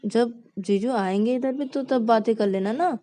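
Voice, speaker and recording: Laid-back young man, reassuring, raised pitch, voiced by a woman. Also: moderate pace, dark tone, natural voice. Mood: placating. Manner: placating, reassuring. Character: young man, easygoing and placating.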